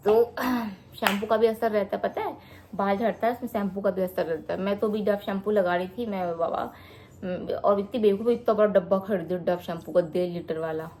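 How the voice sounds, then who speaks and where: A chatty woman vlogger shows off her beauty products in a relaxed, conversational way. She talks directly to her viewers at an average pitch, with faint noise in the background. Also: a little fast. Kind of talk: casual product show-and-tell vlog.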